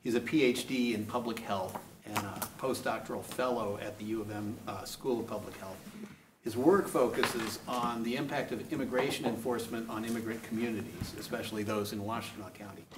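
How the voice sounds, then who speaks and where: A man's voice: lowish voice, fairly quick. Distant, echoey man introducing a speaker. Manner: brief, with hesitant fillers. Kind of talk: formal introduction at a public meeting. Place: public meeting room. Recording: roomy, distant and noisy meeting room mic.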